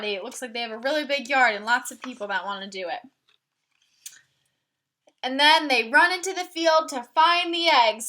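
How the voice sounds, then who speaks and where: This is a storybook read-aloud by a woman whose fairly high voice is bright and forceful. She teaches while reading, offering simple asides and putting questions to the children listening.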